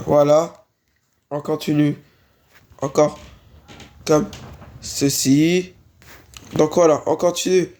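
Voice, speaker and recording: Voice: mid-range voice, a little mellow. A speaker a little sick, hesitantly narrating a casual game-building tutorial and repeating the same filler phrases. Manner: hesitant, repeats "voilà" and "on continue". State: slightly sick, sneezing. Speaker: Minecraft building tutorial creator.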